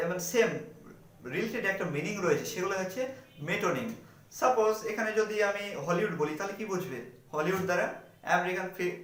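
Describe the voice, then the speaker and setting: A high-pitched man lectures step by step, posing questions to himself and answering them. His voice sits some way off the mic and rings around a roomy, echoey space. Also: fairly bright tone. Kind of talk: explanatory lecture. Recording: echoey room, mic at a distance.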